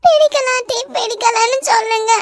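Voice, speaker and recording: A woman voicing a clingy young bride in an animated romance, crying and pleading in a girlish Kanyakumari Tamil voice. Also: normal speed, dry recording, clean studio sound. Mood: tearful pleading. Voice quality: very high, girlish.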